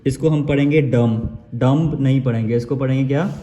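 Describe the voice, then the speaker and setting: A man with a mellow, dark voice teaches English pronunciation. He repeats each word several times and spells it out slowly, letter by letter. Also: medium pitch, fairly even intonation. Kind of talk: explanatory lesson.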